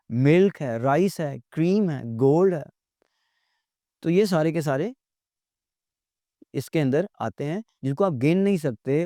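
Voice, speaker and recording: A man giving a recorded grammar lecture, explaining in Urdu-Hindi and reading English definitions slowly and deliberately, often correcting pronunciation. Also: a little high, warm tone, no room sound. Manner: corrects pronunciation by repeating words.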